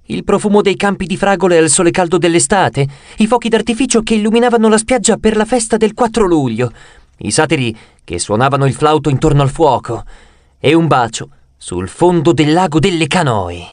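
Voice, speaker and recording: A man reading an audiobook aloud with a slightly raised voice. The sound is close and dry, with no room around it. He tells the story with steady expressive care. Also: on the high side, a little fast, dry recording. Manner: expressive storytelling, voicing characters' dialogue. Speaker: audiobook narrator. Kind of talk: scripted narration.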